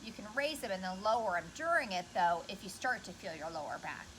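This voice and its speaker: Outdoors amid loud buzzing cicadas, a woman fitness instructor cues exercises step by step and counts encouragingly. Her medium-pitched voice is sing-song and fairly quick, and the recording is clearly noisy.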